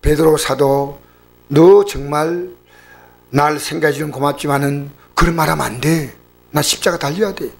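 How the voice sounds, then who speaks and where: A man voicing Jesus as a stern figure rebuking a disciple, loud and forceful. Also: fairly high pitch, normal speed, vocal fry. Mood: stern rebuke.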